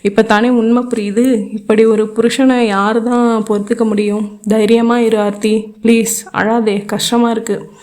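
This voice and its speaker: A gentle, restrained man speaks calmly and soothingly to a former lover, as a woman reader voices him. The voice is fairly high and unhurried. It is an audiobook reading. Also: natural voice. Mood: consoling.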